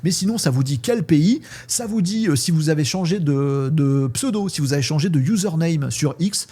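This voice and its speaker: A man talks through the latest tech news in a loose, chatty way, full of fillers and friendly asides to his viewers. His voice sits a little high, with a mellow, somewhat husky tone. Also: animated, normal speed. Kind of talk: casual tech news commentary.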